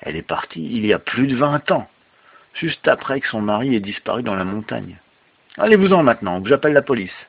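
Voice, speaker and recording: A man reading a storybook who voices a furious, stern woman in a high, shrill voice. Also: very animated, fairly quick, gravelly, husky, no echo, phone-quality sound, full character voice.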